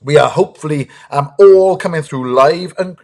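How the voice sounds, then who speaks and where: A man's voice: a little high, moderate pace, gravelly, darkish tone. A man hosts a live stream for young viewers. He is eager and chatty, with many ums as he greets viewers. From United Kingdom. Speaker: host, dinosaur ranger.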